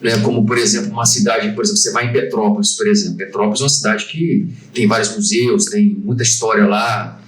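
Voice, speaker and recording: A man's voice: fairly low pitch, fast. A Brazilian man in his fifties, a podcast guest who talks in a hesitant way, full of fillers and restarts. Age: 50s. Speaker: guest, franchise owner. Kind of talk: conversational podcast interview. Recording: roomy, distant from the mic.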